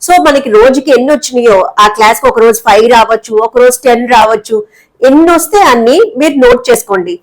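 A woman teaching an English lesson in Telugu, explaining words and repeating key terms slowly. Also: a little high, rough recording.

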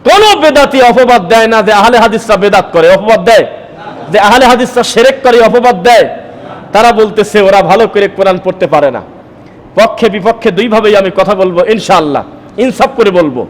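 A man delivers a sermon in a high voice, firing rhetorical questions at his listeners. His voice rings with a long reverb, as if he is in a large hall. He argues his points with force. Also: lively intonation, fairly quick. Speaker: preacher.

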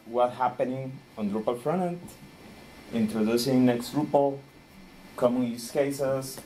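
A man in his thirties from Rica, speaking English, giving a friendly conference talk with frequent small laughs and pauses while he searches for words. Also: medium pitch, a little mellow, slight background noise, low-quality recording. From Costa Rica.

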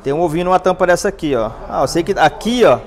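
High-voiced, animated and fast, this paintless dent repair instructor is a Brazilian man in his forties with a Brazilian Portuguese accent. Miked with a lapel mic, he leads a hands-on class in a big workshop, pointing at a car as he explains.

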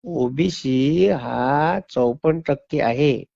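A man's voice: mid-range voice, extremely slow, vocal fry, warm tone. A man who runs an academy, answering a landline phone call and lecturing the caller firmly. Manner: firm, lecturing, talks over the caller. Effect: over a landline phone. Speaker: academy teacher. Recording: muffled phone line.

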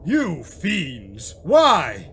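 A man's voice: a little high, wildly swooping pitch, very slow, vocal fry, a bit bright, husky, exaggerated voice. A man playing a big, jolly old Santa in a comic audio drama, blustering and theatrical with indignation. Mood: indignant.

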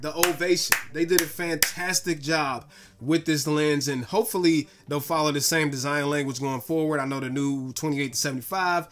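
A slightly hoarse man giving a casual, enthusiastic camera lens review in a direct, slangy way. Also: fairly high pitch, steady tone, moderate pace, a bit bright.

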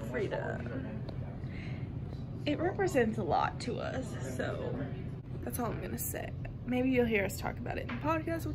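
High, lively young woman vlogging. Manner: giggly, playful, quick to joke. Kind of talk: casual vlog chat. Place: at a house party, indoors and out.

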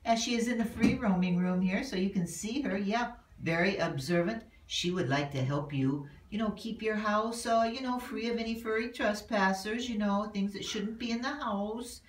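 A woman's voice: mid-range voice, moderate pace, few pauses, close to an everyday voice. A woman doing a cooing mantis reporter. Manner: theatrical, cooing, affected endearments. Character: flamboyant praying mantis pet-adoption reporter. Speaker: adoption promoter. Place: animal shelter cat room. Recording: roomy, mic at a distance.

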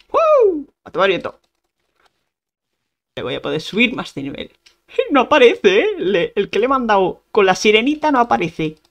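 Woman, playful gameplay commentator, higher pitch, very animated. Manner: playful, bursts of exclamations and sound effects. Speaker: gaming youtuber.

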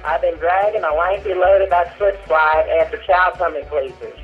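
A folksy trucker , put on by a man, crackles through a tinny CB radio like a walkie-talkie, his voice set fairly high. He rattles off trucker slang in a chummy, sketch-comedy way. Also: moderate pace, soft background music. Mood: cheery. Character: folksy male trucker calling in over CB radio. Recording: tinny narrow-band radio line.

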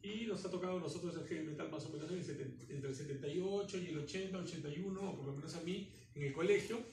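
A man's voice: fairly high pitch, quick pace, far from the mic, noisy background. Man talking from across an echoey classroom. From Spain. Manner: conversational, rambling with fillers. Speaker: host introducing a guest. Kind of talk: casual classroom talk. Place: university classroom. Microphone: far camera phone.

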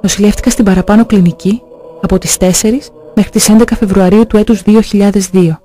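A man's voice: high-pitched, steady tone, mellow. Solemn man reading testimonies.

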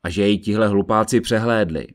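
A man voicing a stern, agitated judge who speaks in an insistent, forceful way in an audiobook reading. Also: lowish voice, close to an everyday voice.

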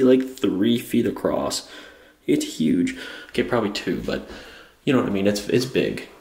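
A young man with a cold films himself on a small camera held at arm's length while wandering through an empty, abandoned house. He's an urban explorer vlogger giving casual walkthrough narration, enthusiastic and chatty with plenty of fillers. His voice sits on the low side with a darkish tone.

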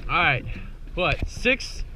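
Bright, lively young man barking orders. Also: a little high, slow, a little hiss or hum, rough recording. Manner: bossy, teasing, calls out orders. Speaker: angler on a fishing trip. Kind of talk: casual chat. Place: small fishing boat out on a lake. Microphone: boat-mounted action camera.

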